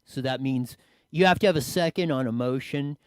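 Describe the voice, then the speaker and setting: Guy w/ hillbilly appalachian-ish twang, rambly n wry, just talking local politics, normal pitch. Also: brisk, clear, resonant tone, no room sound, studio quality. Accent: Appalachian-style hillbilly twang. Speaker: local commentator and public speaker. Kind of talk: unscripted talk on local government.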